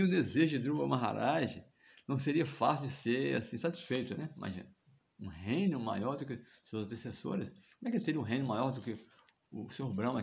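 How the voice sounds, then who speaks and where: Gravelly Brazilian man telling a story. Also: medium pitch. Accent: Brazilian Portuguese. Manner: chatty, frequent tag questions and chuckles. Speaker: devotional teacher. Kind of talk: casual storytelling of scripture.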